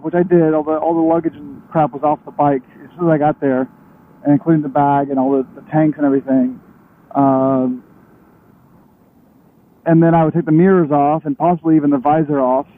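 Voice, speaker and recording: A young man chatting casually and in a rambling way while riding a motorcycle, his voice muffled inside a helmet. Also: a little high. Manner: rambling, conversational, self-interrupting. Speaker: motorcycle vlogger. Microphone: helmet microphone. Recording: thin radio-like sound inside a helmet.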